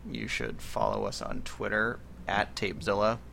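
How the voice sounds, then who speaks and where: A male podcast co-host chatting casually and hesitantly, with a gravelly edge to a bright, forward voice. A faint hiss of noise sits under him. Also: on the low side, big pitch swings, moderate pace. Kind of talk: casual chat.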